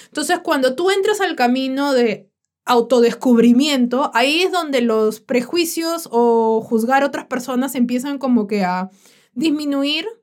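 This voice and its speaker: A woman hosting a podcast, talking slowly and frankly in a reflective, colloquial monologue. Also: sits high. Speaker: podcast host.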